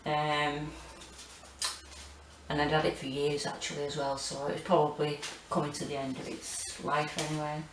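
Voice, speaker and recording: A British woman in her forties chatting casually and hesitantly as she gives a rambling home gardening tour, with a monotone, self-deprecating manner. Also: deep voice, normal speed, a little hiss or hum. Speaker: gardening vlogger. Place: small home kitchen and windowsill, indoors.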